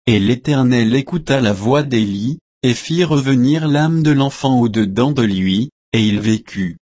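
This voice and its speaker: A man reading a Bible passage aloud in slow, measured short phrases. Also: medium pitch, lively intonation, a little mellow, dry recording. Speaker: scripture reader.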